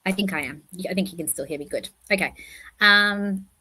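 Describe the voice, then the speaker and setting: A woman's voice: medium pitch, normal speed, sharp tone, breathy edge. A woman with a lisp and whistling s, chatting and correcting herself as she hosts a casual livestream commentary. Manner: rambling, self-correcting, chatty. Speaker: livestream host.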